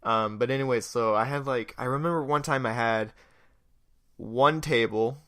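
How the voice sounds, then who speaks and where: A man's voice: mid-range voice, moderate pace, pushed and bright, no echo, clean studio sound. A young man hosting a podcast, telling a rambling story in a casual way, laughing and swearing now and then. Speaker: podcast host.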